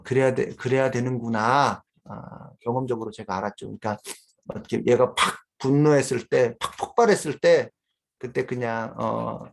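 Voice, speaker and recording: A middle-aged father of four speaking reflectively at a seminar, with thoughtful pauses. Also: medium pitch, creaky. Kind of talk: conversational seminar talk.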